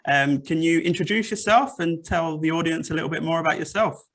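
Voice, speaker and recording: A man's voice: fairly high pitch, fairly even intonation, brisk. A man hosting an online investing panel from an office, talking in a friendly way with many fillers. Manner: friendly, filler-heavy, bright. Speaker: forum host. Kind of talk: video call panel moderation. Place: office room.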